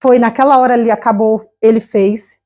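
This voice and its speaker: Fervent Brazilian woman preaching, slightly high. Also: fairly even intonation, fairly quick, a little mellow. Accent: Brazilian Portuguese. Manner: fervent, repetitive, emotional preaching. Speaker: lay preacher. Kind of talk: sermon with personal testimony. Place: church service.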